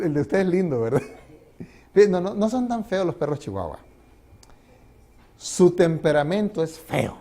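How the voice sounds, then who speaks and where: A man's voice: high voice, mellow. A middle-aged man, a pastor preaching a sermon in a church and often asking the congregation questions. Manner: conversational, asks the congregation questions and laughs. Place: church sanctuary.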